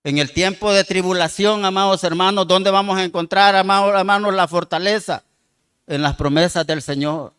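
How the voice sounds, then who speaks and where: High, clear-voiced male preacher. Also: steady tone. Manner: addresses the congregation with frequent "hermano" and "amados hermanos"; reads scripture slowly and loudly. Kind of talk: sermon. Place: church.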